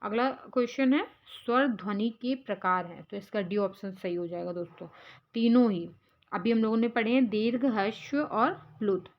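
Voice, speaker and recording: A woman's voice: medium pitch, normal speed, muffled recording. A woman teaching as an exam prep tutor, going through quiz answers step by step and calling her viewers friends.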